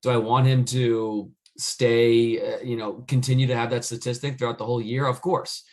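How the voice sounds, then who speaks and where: A man's voice: medium pitch, little pitch movement, normal speed, a little mellow. A man co-hosting a fan podcast, chatting about football in a loose, rambling way with lots of restarts. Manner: rambling, many restarts and "I mean". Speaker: podcast co-host. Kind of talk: casual sports chat.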